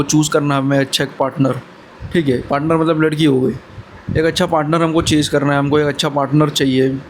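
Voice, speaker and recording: A man's voice: fairly high pitch, slight background noise. A man in his twenties giving earnest, brotherly motivational advice in a casual talk to camera. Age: 20s. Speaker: vlogger.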